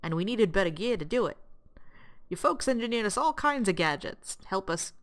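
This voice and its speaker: A woman's voice: mid-range voice, animated, fairly quick, close to an everyday voice. A woman voicing a grumpy, folksy old man, a rebel quartermaster in a video game, with an old-timer's drawl. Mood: gruff, rueful. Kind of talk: hobby voice acting of a video game script. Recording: music behind the voice.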